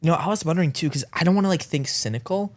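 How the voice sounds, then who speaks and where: A man's voice: on the high side, very fast. A man in his early twenties co-hosting a podcast, chatting in a rambling, laid-back way with lots of filler words. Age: early 20s. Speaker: podcast co-host. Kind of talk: casual chat.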